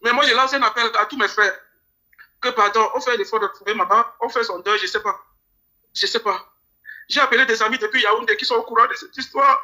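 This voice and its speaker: Grieving man, pleading, repeats himself, high voice, sharp tone. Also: steady tone, fast. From Cameroon. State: grieving, near tears. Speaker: interview guest. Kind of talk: emotional interview testimony.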